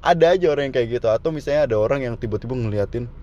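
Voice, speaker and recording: Young man, casual comic vlogger, slangy and jokey, average pitch, muffled lo-fi sound. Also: racing, warm tone, a little hiss or hum. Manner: joking, slangy, laughs at his own jokes. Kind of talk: casual comedic monologue. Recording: dull, slightly muffled recording.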